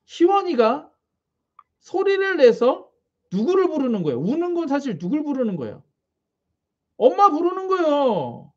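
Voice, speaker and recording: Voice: high-pitched, big pitch swings, moderate pace, pauses often, a little mellow. A pastor preaching a sermon in a small church, talking conversationally and putting questions to the congregation. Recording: dull lo-fi recording.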